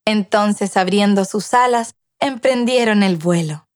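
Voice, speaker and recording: A woman reading a children's tale aloud as storyteller, measured and clear. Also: medium pitch. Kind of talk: scripted narration of a children's tale.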